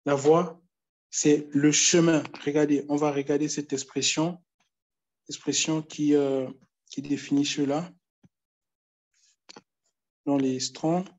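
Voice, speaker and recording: A man with a high voice delivers a sermon at a slow, deliberate pace. He exhorts his congregation and returns to the same phrases again and again, pausing to stress each one. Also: steady tone, darkish tone. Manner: exhorting, pleading with listeners; repeats phrases with emphatic pauses. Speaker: preacher.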